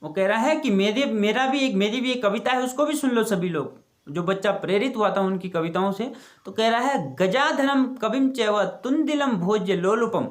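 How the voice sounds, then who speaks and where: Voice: medium pitch, moderate pace. A teacher explaining a school textbook lesson. The teacher reads each line aloud, then explains it step by step, asking questions and answering them. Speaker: Sanskrit teacher.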